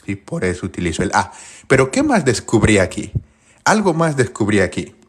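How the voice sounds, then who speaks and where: Guy teaching english grammar, low voice but really bouncy, keeps asking questions then answering. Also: moderate pace, slightly rough. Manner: lively, rhetorical questions to viewers. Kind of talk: online grammar lesson.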